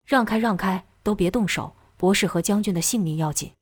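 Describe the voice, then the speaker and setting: A woman's voice: medium pitch, fairly quick, breathy edge, dry recording, studio quality, lightly acted. A woman voicing a nervous, loyal assistant man in a storybook reading, pleading anxiously.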